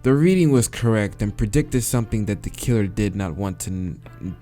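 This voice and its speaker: Over soft background music, a man with a fairly low voice and moderate pace plays a visual novel, reading dialogue aloud and reacting. Picking answers sets off hesitant muttering and swearing, then he reads steadily.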